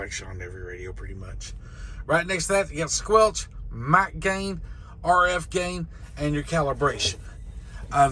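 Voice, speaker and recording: In a laid-back how-to video about radio controls, a man who hosts and drives trucks rambles through a folksy, hands-on explanation, like a trucker showing others the ropes. He speaks at a fairly high pitch with a bit of brightness, and there's slight background noise.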